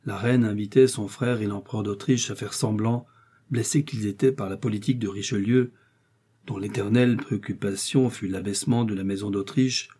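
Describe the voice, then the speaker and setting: A man narrating a classic novel as an audiobook in a measured storytelling manner. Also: lowish voice, mellow, slightly rough.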